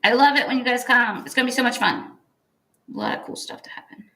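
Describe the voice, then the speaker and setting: A woman's voice: a little high, sing-song, fast talker, sharp tone. A woman demonstrating stenciling on a craft livestream, chatty and playfully teasing her co-host.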